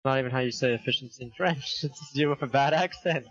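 A man's voice: medium pitch, fast talker, a bit bright, husky. A young man chatting casually while playing a video game, laughing often and swearing freely. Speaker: gamer. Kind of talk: casual gaming chat. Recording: dull lo-fi stream audio.

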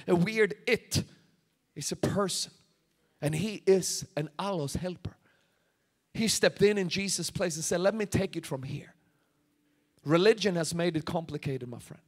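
A man in his forties from Sweden, preaching a sermon on a large church stage into a handheld microphone, acting out prayers and quotes with rising intensity. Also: sits high. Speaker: pastor.

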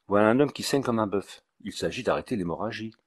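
A man's voice: on the low side, quick pace, breathy edge, no room sound, studio quality. A man reading the part of an impatient, commanding marquis in an audiobook. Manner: brusque, commanding.

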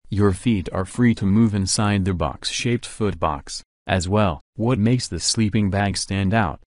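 A man narrating a scripted product review in a flat, even reading voice. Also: fairly low pitch, no echo, clean studio sound. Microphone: voice-over.

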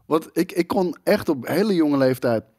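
A man from the Netherlands co-hosting a podcast in a casual, lively, joking chat, often restarting his sentences. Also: fairly high pitch, moderate pace, no room sound, clean studio sound. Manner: lively, jokey, stumbles and restarts. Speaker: podcast co-host. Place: studio at a table.

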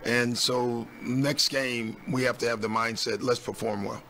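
A man's voice: medium pitch, fairly even intonation, a little slow, pushed and bright, slight background noise. A man in his sixties, a head coach answering reporters at a postgame press conference on a desk mic, blunt and matter-of-fact with frequent ums. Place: team press room. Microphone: desk mic on stand.

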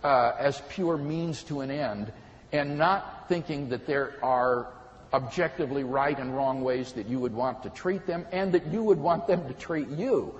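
A man's voice: medium pitch, long reverb tail, highs cut off. Earnest man explaining moral philosophy. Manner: measured and earnest, storytelling examples. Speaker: speaker on philosophy. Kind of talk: explanatory talk.

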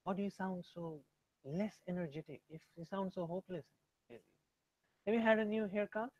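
A man's voice: high voice, a little fast, no room sound, highs cut off. A man with an Indian accent teaching an English grammar class. He switches between English and Hindi and quizzes students by name.

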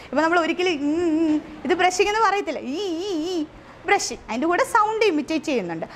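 A fast-talking woman gives an informal class to parents. Her voice sits high and bright, and she keeps drifting into English terms and little imitated sounds. Faint room noise stays under her voice. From India. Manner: explains with everyday examples and mimicked sounds; mixes English terms into speech. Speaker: therapist giving a parent class.

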